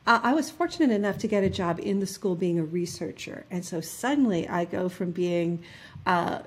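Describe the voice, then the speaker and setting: Her lowish, husky voice is expressive and moves at a normal speed. She is a woman in her fifties from New Jersey, appearing as an interview guest and earnestly relating personal stories with frequent fillers and restarts in a reflective conversation.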